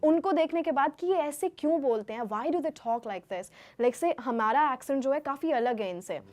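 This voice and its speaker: A young woman from Haryana, a guest in casual chat, lively, laughing often and switching between two languages. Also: sits high, moderate pace. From Haryana, India. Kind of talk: casual chat mixing Hindi and English.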